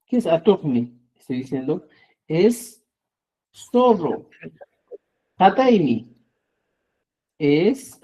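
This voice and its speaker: A man's voice: fairly high pitch, very animated, drawn-out words, pauses often, dark tone, poor audio. A man teaching an online language class, patiently explaining and often checking in with the students.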